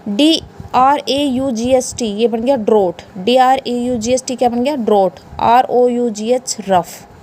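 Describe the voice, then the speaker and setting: A woman with an Indian accent gives a pronunciation lesson in a fairly high, mellow voice. She spells words out letter by letter and asks her class questions, then answers them herself. A faint hiss sits under the recording. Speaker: English teacher.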